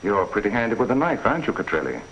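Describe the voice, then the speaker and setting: An actor playing a calm, dry-witted police inspector who speaks tersely in a vintage radio drama. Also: male voice, fairly low pitch, racing, slight background noise. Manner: cool, terse, wry. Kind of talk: 1950s radio drama acting. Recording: dull lo-fi vintage radio recording.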